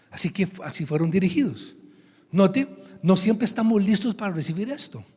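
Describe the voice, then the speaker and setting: A man with a high, husky voice preaches to his church, acting out the lines of the story's characters. His voice rings through a large hall with a long echo. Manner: animated storytelling, acts out the prophet's lines. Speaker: pastor. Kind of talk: sermon. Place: church sanctuary.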